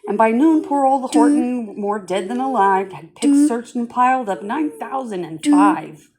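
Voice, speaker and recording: A woman reading a rhyming storybook aloud with an expressive, rhythmic delivery. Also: a little high, measured pace.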